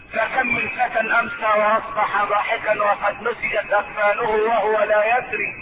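A high-pitched Egyptian man preaches a sermon to a congregation in Egyptian Arabic, telling stories and reciting verse. His rhetorical style shifts between colloquial asides and drawn-out declamation. The recording is tinny, noisy and narrow, like a phone.

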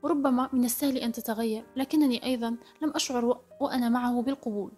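A woman narrating a story in the first person with brisk, steady storytelling. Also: fairly high pitch. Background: faint background music.

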